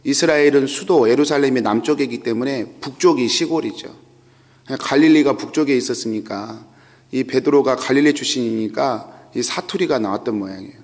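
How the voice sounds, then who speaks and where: The pastor's voice is mid-pitched, brisk and somewhat dark as he preaches at dawn, retelling the scripture scene one step at a time. He keeps returning to key phrases for emphasis, and the sanctuary's long reverb surrounds him.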